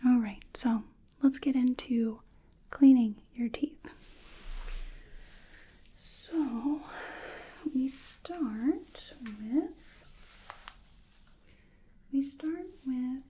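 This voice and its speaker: In a dental hygienist ASMR roleplay, a woman whose voice sits high whispers slowly and reassuringly into a close, sensitive mic, frequently asking a soft "okay?" Slight background noise can be heard.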